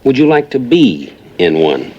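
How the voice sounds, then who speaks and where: TV drama villain: predatory smooth-talking man, swooping insinuating delivery, faint noise behind. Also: mid-range voice, sing-song, unhurried, warm tone, lo-fi sound. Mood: coaxing, sly. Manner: coaxing, insinuating. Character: smooth-talking, predatory male porn recruiter.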